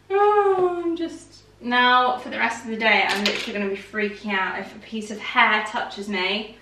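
A young British woman vlogs while cleaning and decorating her living room, chatty and upbeat but easily startled. Her voice is a little high and unhurried, and the camera mic across the room picks up background noise and a roomy, distant sound.

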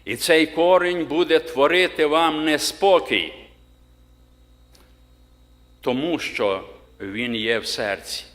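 A man preaching a sermon to his congregation, emphatic, slowing down to read scripture aloud. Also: on the high side, fairly bright tone. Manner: emphatic, rising on key words, slows to read scripture. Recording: long reverb of a church hall.

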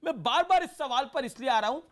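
A male news anchor with a high, raised voice keeps a noisy studio debate in line. He cuts in briskly, hands out turns and presses his questions again and again. The panelists keep talking over him. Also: expressive. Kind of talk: moderating a heated TV debate.

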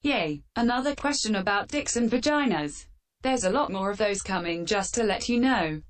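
A woman hosting a fan Q&A with sarcastic, deadpan answers, her voice run through a metallic filter. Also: medium pitch, normal speed. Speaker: channel host answering fan questions. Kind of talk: scripted comedic Q&A.

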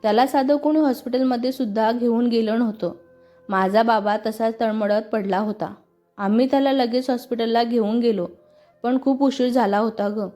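A young woman mourning her father, voiced by a woman reading a story. She speaks tenderly and confidingly, in a mellow, fairly high voice. Faint music plays behind her. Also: moderate pace, natural voice. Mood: grieving. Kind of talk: storybook dialogue.

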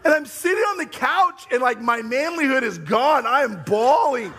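A man in his thirties preaching a sermon in a church sanctuary, telling a story with lively, animated delivery. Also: moderate pace. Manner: animated storytelling, high-pitched and wailing when retelling his tears. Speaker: pastor.

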